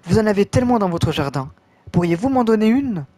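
A man's voice: high-pitched, expressive, fairly quick, mellow, dry recording. A man voicing a polite, persuasive female witch in a game story, reading with stumbles. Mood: pleading. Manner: clumsy read-aloud, stumbling over words.

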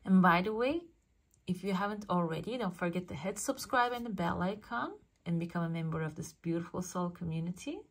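A woman's voice: lowish voice, brisk. A woman speaking as a fortune teller, giving a casual reading straight to the viewer and musing aloud as she interprets. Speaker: fortune teller, channel host. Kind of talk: casual coffee cup fortune-telling reading.

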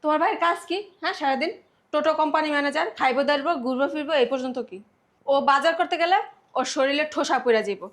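An actress playing a complaining, sarcastic young wife. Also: female voice, high voice, a bit bright. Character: sharp-tongued young wife, sister-in-law. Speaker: actor. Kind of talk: village family drama acting.

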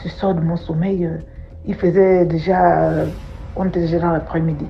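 Woman, telling a personal testimony, lowish voice over dull lo-fi sound with faint music. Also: level tone, normal speed, creaky. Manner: recounts plainly, rises high and urgent in distress. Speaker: testimony speaker. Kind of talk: personal testimony, spoken storytelling.

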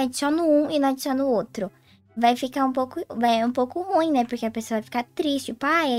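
A woman's voice: fairly high pitch, darkish tone. A young Brazilian woman with a Brazilian Portuguese accent, chatting casually to viewers as she plays a game, with sing-song greetings. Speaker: gaming YouTuber. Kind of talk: casual gameplay commentary.

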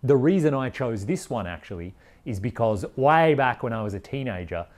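A plain-spoken Australian man in his forties, a vlogger and overland traveller, explains things frankly in a casual vlog from a workshop garage and from a seat in a vehicle. His medium-pitched voice is expressive and a little mellow, at a moderate pace.

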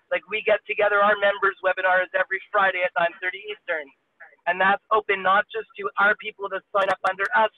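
A man with a high voice talks eagerly and jokes as he rambles on about his community. His voice comes through dry and thin, like a phone line. He is talking casually on a webinar. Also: no echo, recorded from a distance. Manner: joking, rambling, enthusiastic. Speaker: webinar co-host. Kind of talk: casual promotional chat. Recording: dry, tinny call audio.

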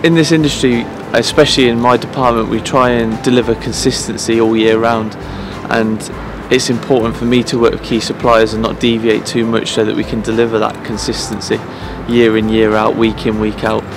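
A man in his thirties, a head groundsman, speaking earnestly to camera outdoors at pitch side in an empty stadium, pausing often with fillers and restarts. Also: level tone, music in the background. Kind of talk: promotional interview to camera.

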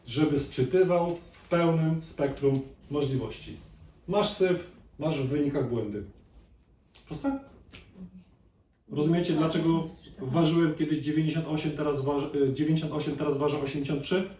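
A man's voice: a little high, steady tone, normal speed, warm tone. A man giving a conversational live lecture to an audience as a chiropractor, often putting questions to the listeners. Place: lecture hall. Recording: echoey hall, distant mic, faint noise.

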